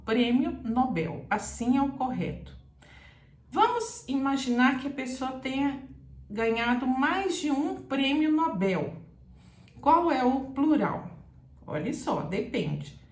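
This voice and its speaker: A woman's voice: sits high, very animated, slow. A woman Portuguese teacher giving a careful, explanatory grammar lesson straight to the viewer. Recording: echoey room.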